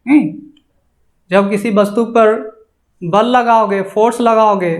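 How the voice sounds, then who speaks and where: A man's voice: sits high, steady tone, takes it slowly. Echoey male teacher, questioning students. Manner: drilling with constant rhetorical questions. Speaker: physics teacher. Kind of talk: classroom lecture at a board. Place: classroom with a board. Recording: echoey classroom.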